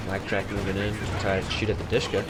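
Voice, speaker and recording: A man's voice: fairly low pitch, completely flat delivery, fast, very noisy. A man giving solo play-by-play commentary on a strategy game tournament, chatty and thinking aloud, often second-guessing himself. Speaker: game caster. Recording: loud game gunfire and artillery behind the voice.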